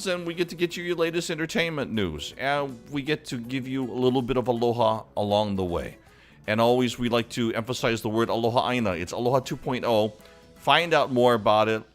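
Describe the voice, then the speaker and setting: A man's voice: mid-range voice, a bit bright. Upbeat chatty male live-stream host. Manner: chatty, upbeat, reads viewer comments. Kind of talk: live-stream chat show.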